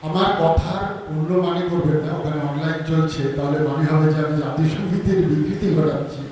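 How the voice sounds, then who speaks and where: High-voiced man teaching in an echoey hall. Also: steady tone, fairly quick, mellow, recorded from a distance, slight background noise. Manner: explains word by word, breaks into singing to show pronunciation. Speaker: workshop teacher. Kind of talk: teaching talk to students, with sung examples.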